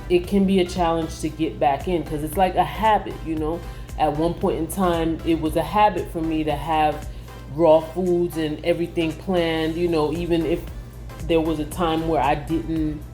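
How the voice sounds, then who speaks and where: Low, mellow-voiced woman vlogging casually. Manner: conversational, frequently saying "like". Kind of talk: casual chat to camera.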